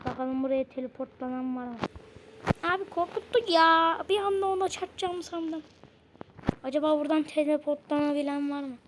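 Young woman, very high voice, excitable, repeats words, casual game-play chat, faint background noise. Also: brisk. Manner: excitable, repeats words in bursts, yelps when startled. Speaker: gamer playing with a friend.

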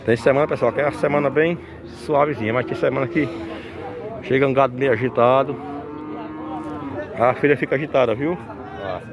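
A man's voice: mid-range voice, a little fast, pauses often. A man vlogging as he walks through an outdoor cattle market, chatting to his viewers and tagging his phrases. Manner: chatty, addresses viewers as pessoal, tags phrases with viu. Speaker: vlogger touring a cattle fair. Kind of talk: casual walking vlog to viewers. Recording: outdoor market with clear crowd noise. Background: crowd and cattle noise.

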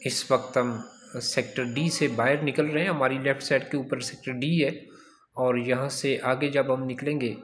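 A man's voice: medium pitch, normal speed, slight background noise. Man narrating a driving tour. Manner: steady promotional commentary, lists sectors. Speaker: real estate agent. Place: inside a moving car.

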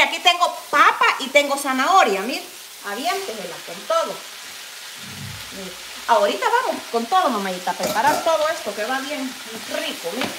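With a voice that sits high and a Guatemalan Spanish accent, a cooking vlogger chats homily as she cooks in her home kitchen, constantly saying "mire" and calling viewers "mamayita." The echoey, noisy recording picks up a frying, sizzling pan.

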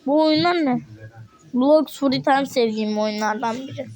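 A teenage girl giving casual, excitable gameplay commentary, chatting to viewers and getting easily frustrated. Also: sits high, moderate pace, poor audio. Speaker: gaming video creator. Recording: music playing behind the voice.

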